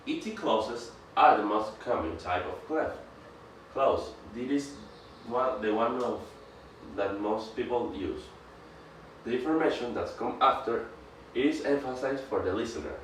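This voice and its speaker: A man presenting a grammar lesson, speaking haltingly, restarting phrases and reading example sentences aloud. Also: mid-range voice, distant mic. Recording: echoey room, off-mic, faint background noise.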